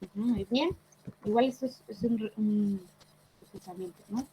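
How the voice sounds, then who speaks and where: A woman's voice: medium pitch, measured pace, warm tone, a little hiss or hum, rough recording. A woman teaching an online class, explaining patiently and checking in with short tag questions. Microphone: computer mic on a video call.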